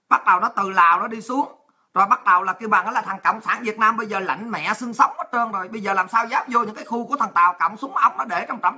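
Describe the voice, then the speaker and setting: A woman's voice: medium pitch, sharp tone, slightly rough. A woman with a Southern Vietnamese accent giving a heated, crude and mocking political rant. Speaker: political commentator. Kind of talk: ranting political commentary.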